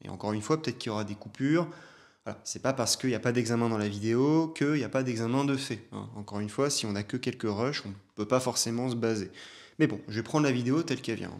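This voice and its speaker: A man's voice: medium pitch, fast talker. A young adult man, a chiropractor, giving casual reaction commentary on a video, chatty and hesitant with fillers.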